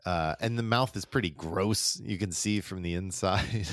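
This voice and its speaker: Laid back guy, lowish voice, dry close mic, chuckles while chatting on a podcast. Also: unhurried, a bit bright, no room sound. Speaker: podcast co-host. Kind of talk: casual retrospective chat.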